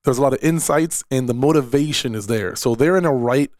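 A man's voice: medium pitch, brisk, darkish tone, dry recording, clean studio sound. A man, hosting a casual solo podcast and talking in a rambling way with repeated words and fillers. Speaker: podcast host and esports director.

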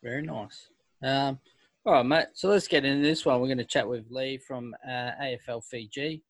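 A man's voice: medium pitch, steady tone, moderate pace, no echo. An Australian man hosting a casual club podcast, laid-back and calling people mate. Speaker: podcast host.

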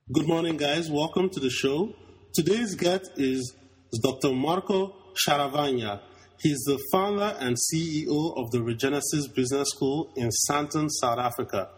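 A man's voice: a little high, moderate pace, husky. A man hosting a business podcast, introducing a guest in an upbeat way and listing things at length. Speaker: podcast host.

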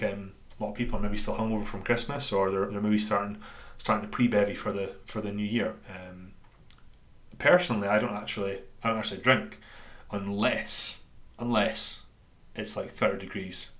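Speaking in a fairly low, slightly bright voice, this Scottish podcast host and coach has a Dundee accent. He's informal and a little rambling, often self-deprecating, and the recording sounds roomy and echoey.

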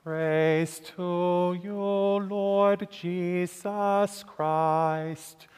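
A male priest leading Mass with measured, solemn reading and sung acclamations, his voice ringing with a cathedral echo in a large church. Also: sits high, steady tone, darkish tone, clean tone. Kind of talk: liturgical reading and chanting at Mass. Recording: long church reverb.

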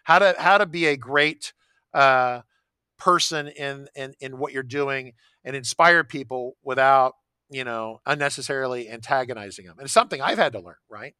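Bright-voiced man chatting with restarts. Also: medium pitch, normal speed, clean tone, no echo, clean studio sound. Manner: rambling, frequent restarts and "right?" tags. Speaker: podcast guest. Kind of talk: casual conversation.

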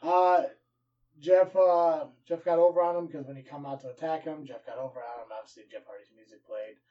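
A man's voice: fairly high pitch, fairly even intonation, a little fast. A man co-hosting a casual wrestling podcast, rattling off match results with energy and casual swearing. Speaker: podcast co-host. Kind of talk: casual wrestling recap chat. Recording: muffled sound from a distant mic.

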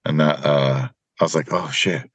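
A man's voice: a bass voice, fairly even intonation, slightly rough, no room sound. A man hosting a podcast in casual chat, easygoing and joking. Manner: easygoing, joking, quick to laugh.

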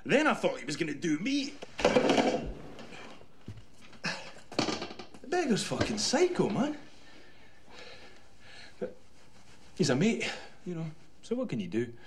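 A man's voice: a little high, slow pace, long pauses, full character voice. An actor playing an honest young Scottish man in a film, telling a story about his mate with exasperated disbelief and slang. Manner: incredulous, animated, slangy. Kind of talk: film monologue, casual storytelling. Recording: clear background noise.

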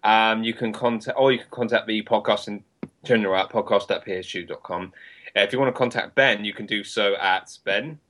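Male podcast host. Fairly low voice, casual, slightly flagging and hesitant, speech a little sore-mouthed. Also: fairly even intonation, a little fast, a bit bright.

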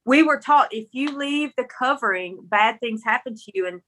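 Bright, forceful Mississippi country-accented woman. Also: on the high side, animated, moderate pace. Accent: Mississippi Southern country. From Mississippi, rural United States. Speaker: interview guest telling her story. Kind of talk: personal storytelling in conversation.

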